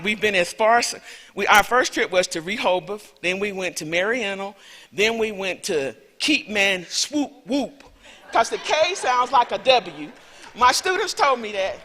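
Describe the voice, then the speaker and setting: A woman from Alabama with a Southern US accent and a slightly high, sharp-toned voice speaks as a visiting lecturer in a large lecture hall. Her conference talk is chatty and rambling, full of self-deprecating asides, and the hall sounds reverberant.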